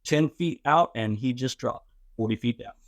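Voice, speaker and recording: A man's voice: medium pitch, normal speed, dry recording. A middle-aged man narrating a tabletop game as game master, describing the action step by step and explaining the rules.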